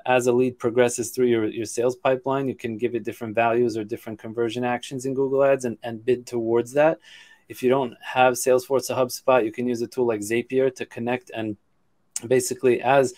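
A man's voice: medium pitch, a little mellow. A man who is a guest on a casual podcast, explaining things steadily with ums and repeated words. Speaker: guest expert.

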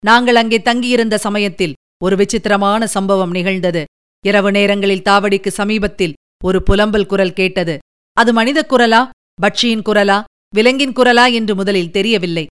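A woman narrating a novel in a measured, deliberate storytelling manner. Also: mid-range voice, steady tone, smooth. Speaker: audiobook narrator.

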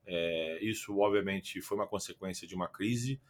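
A young football content creator from Rio de Janeiro, Brazil, guests on a podcast over a remote call, speaking with a Carioca Portuguese accent in a fairly low voice. At a moderate pace he rambles casually, using lots of fillers and frequently restarting sentences.

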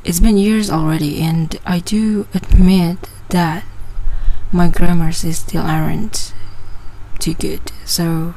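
A woman's voice: on the low side, steady tone, takes it slowly, warm tone, slight background noise, rough recording. A woman in her twenties from Malaysia, hosting a casual personal podcast and often hesitating and restarting her phrases. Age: 20s. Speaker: podcast host.

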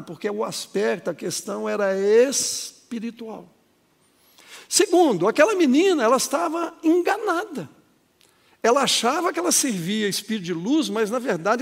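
Husky pastor with a lively voice. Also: male voice, very high-pitched, long reverb tail. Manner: dramatic, swooping storytelling. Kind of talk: sermon with a personal story.

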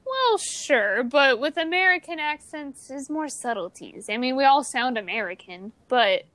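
A woman's voice: high-pitched, expressive, measured pace, fairly bright tone, no room sound. Chatty Midwestern woman, dry close mic. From Missouri. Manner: rambling, chatty, casual swearing. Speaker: podcast co-host. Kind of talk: casual chat.

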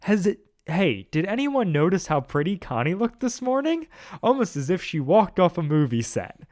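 A man voicing an eager, sheepishly smitten young man in a fan story, read aloud a little higher than his own voice. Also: expressive, normal speed, natural voice. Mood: earnest. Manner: read aloud in a slightly raised pitch.

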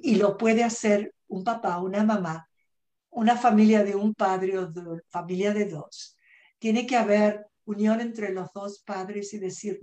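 A woman guest who works as a self-management coach, speaking in an earnest, measured way, acting out her own inner dialogue and slipping English words into her Spanish. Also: medium pitch, a little mellow. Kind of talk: podcast interview talk.

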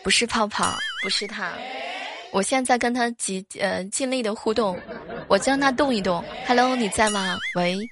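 A woman's voice: medium pitch, normal speed, crowd noise, background noise. A woman hosting a live stream, bubbly and chatty, laughing often. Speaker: livestream host.

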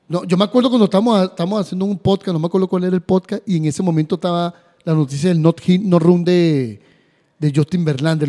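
Sports podcast cohost guy, kinda high voice but mellow, chatty, echoey room. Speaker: podcast co-host. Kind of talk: casual chat. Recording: reverberant room.

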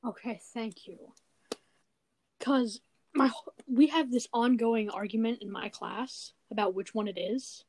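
A teenage girl hosting a casual chat, talking with frequent fillers and pauses. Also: fairly high pitch, steady tone, darkish tone, slightly rough, no room sound, rough recording. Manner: chatty, hesitant with fillers. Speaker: podcast host.

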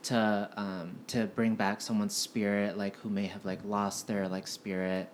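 A man's voice: lowish voice, little pitch movement, unhurried, slight background noise. A man in his twenties from the United States, a guest in a casual podcast conversation, talking hesitantly with many "um" and "like" fillers. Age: 20s.

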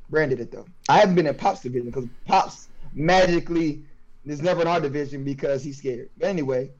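A man's voice: fairly high pitch, fast talker, a little mellow. A man in casual trash-talk chat, heard through fuzzy, distorted audio from his phone, talking with stammered restarts. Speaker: fantasy football league member. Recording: dull lo-fi phone sound.

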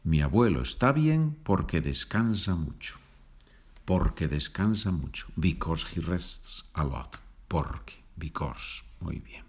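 A man hosting a podcast lesson, patiently explaining Spanish phrases in English and repeating them slowly. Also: low voice, animated, breathy edge. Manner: slow, patient, explains with small laughs and repeats. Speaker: Spanish teacher, podcast host. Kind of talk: slow bilingual language lesson.

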